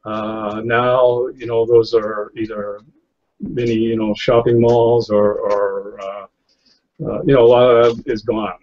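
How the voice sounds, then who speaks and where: Brief: middle-aged man, New England-raised photographer, mid-pitched, meandering and filler-heavy, muffled webcam call audio. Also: expressive, slow, vocal fry. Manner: rambling, many fillers and restarts, chuckles often. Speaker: guest photographer. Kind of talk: casual interview conversation. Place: indoor room, seated in office chair. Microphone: webcam on a video call. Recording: slightly lo-fi video call audio.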